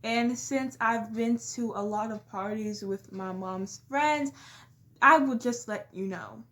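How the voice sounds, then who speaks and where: A woman's voice: fairly high pitch, slow pace, fairly bright tone. A young woman vlogging in a casual, comedic way, speaking emphatically and talking straight to her viewers. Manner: emphatic, addresses viewers directly.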